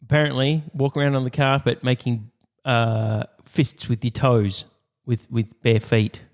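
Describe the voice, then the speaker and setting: A man's voice: mid-range voice, level tone. Chatty male podcast co-host. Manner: quick, chatty, laughs often. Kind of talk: casual comedic chat. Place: office.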